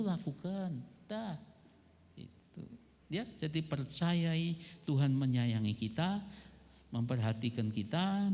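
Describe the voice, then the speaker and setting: A man's voice: high voice, a little mellow, big-room sound. A male pastor preaching a conversational sermon at a church seminar, full of rhetorical questions.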